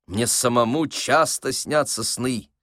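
A man's voice: mid-range voice, slow pace, fairly bright tone, no echo, clean studio sound. A man voicing a genial, self-assured con man who talks easily with a light mocking edge. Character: smooth confident male con man, genial and playful. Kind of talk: audiobook character voice.

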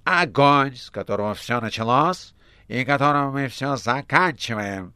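A man voicing a sinister male demon henchman in an audiobook, drawing his words out slowly and mockingly. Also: deep voice, fairly bright tone, no echo, clean studio sound. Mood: commanding. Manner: slow, drawn-out delivery. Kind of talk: audiobook character voice.

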